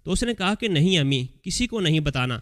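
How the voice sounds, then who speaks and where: A man reading a scripted story aloud as a voice-over, telling it in the first person as an elderly mother in a steady storytelling manner. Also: on the high side. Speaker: story narrator. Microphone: voice-over recording.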